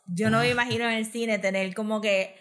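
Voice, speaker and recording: A woman's voice: a little high, steady tone, brisk, fairly bright tone. A woman recapping a film in casual chat, mixing in English words, with lots of fillers and laughs.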